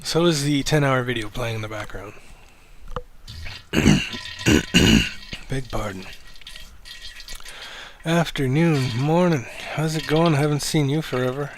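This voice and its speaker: A man's voice: a little slow, long pauses, slight background noise. Rambling, swearing livestream host guy. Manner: rambling, self-deprecating, swears casually; low-key, speaks of himself as monotone. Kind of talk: casual livestream chat.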